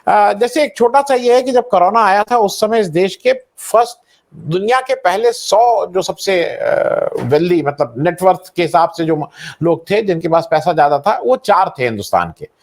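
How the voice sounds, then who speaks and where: High-voiced male author, measured and critical. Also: animated. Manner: measured, hesitant with fillers, critical. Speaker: author and panel guest. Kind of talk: panel discussion.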